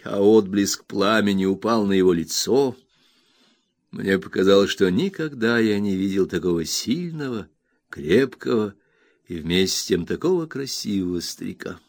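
Guy narrating an old novel, lowish voice, dead dry close mic. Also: dry recording. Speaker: audiobook narrator. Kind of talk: scripted narration of a classic novel.

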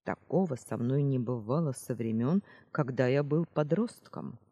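A woman reading the part of a calm male dragon who explains things in a measured way. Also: extremely low pitch, breathy edge, highs cut off, heavily acted. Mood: reasoning. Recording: roomy reverb.

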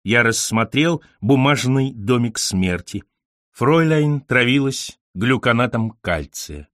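A man reads a darkly comic literary story aloud in a wry, ironic tone. His voice sits in an ordinary middle pitch. The recording is dry and close, with no room sound. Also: expressive, slow, no room sound. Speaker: narrator.

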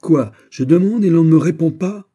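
A man's voice: mid-range voice, normal speed, dark tone, voice pushed up, natural voice. A man reading an audiobook, voicing an imperious male general who speaks in a stern, sonorous way. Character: commanding middle-aged male general. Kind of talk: audiobook character voice.

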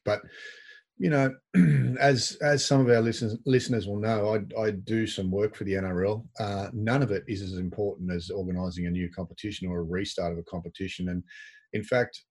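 Husky Australian man with dry humour. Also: on the low side, a little mellow. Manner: dry, self-deprecating humour. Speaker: podcast co-host. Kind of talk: casual sports podcast chat.

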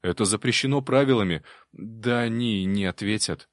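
A man's voice: lowish voice, moderate pace, no room sound, studio quality, lightly acted. A man voicing a frightened, stubborn young novice monk who talks in a desperate, pleading way. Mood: anxious.

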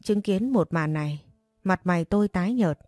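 A woman narrating a first-person audiobook story in a steady, subdued way. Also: on the low side, normal speed, dry recording, studio quality. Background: faint background music.

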